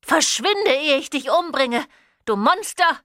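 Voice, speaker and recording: A woman's voice: a little high, moderate pace, sharp tone, no echo, clean studio sound. A woman voicing a terrified, furious middle-aged mother in an audiobook, panicked and shrieking. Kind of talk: audiobook reading.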